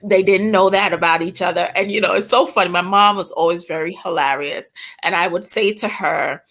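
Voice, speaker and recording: A woman's voice: lowish voice, brisk, fairly bright tone. A woman from England raised in Guyana and Brooklyn, a guest author telling her family story in an interview, laughing often as she talks. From born in England, raised in Guyana and Brooklyn.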